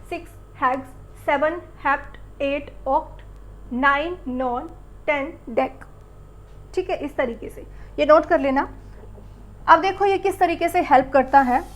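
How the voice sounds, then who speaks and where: A woman's voice: high-pitched, a little slow. A woman teaching a school chemistry class. She asks the pupils questions, answers them herself and repeats the key words. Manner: calls the pupils beta and bachche. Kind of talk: classroom lesson.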